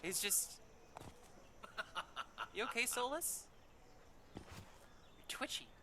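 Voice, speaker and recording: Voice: medium pitch, expressive, takes it slowly, sharp tone, slight background noise. A streamer playing a game, reading in-game texts and making jokey asides. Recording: game music playing behind. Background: game music.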